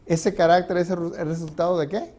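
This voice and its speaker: A man's voice: sits high, fairly even intonation, brisk, warm tone. A middle-aged man, a pastor preaching a sermon in a church and often asking the congregation questions. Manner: conversational, asks the congregation questions and laughs. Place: church sanctuary.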